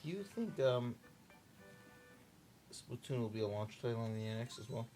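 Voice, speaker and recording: A man's voice: mid-range voice, animated, normal speed, warm tone, soft background music. A young man chatting casually while he plays through a game on a long marathon stream, joking with the on-screen characters. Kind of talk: casual gaming chat during a marathon stream.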